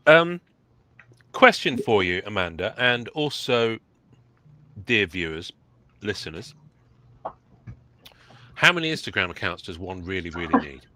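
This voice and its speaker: An English man co-hosts a live podcast in casual live-stream chat, joking and chatty, his voice a bit throaty as he gets over a cold. His deep voice swings widely in pitch, bright and forceful, and he speaks unhurriedly with frequent pauses. The low-quality recording carries a little hiss or hum.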